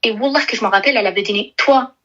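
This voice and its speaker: A woman's voice: fairly high pitch, very fast, a bit bright, lo-fi sound. A young woman calling in, telling a personal story in a rambling, hesitant way with many restarts. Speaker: caller. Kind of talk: emotional phone-in confession.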